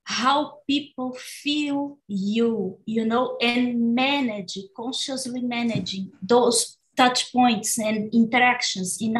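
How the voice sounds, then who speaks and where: A woman's voice: on the high side, low-quality recording. Woman explaining branding, searching words. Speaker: brand marketing specialist. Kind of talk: expert comment in interview.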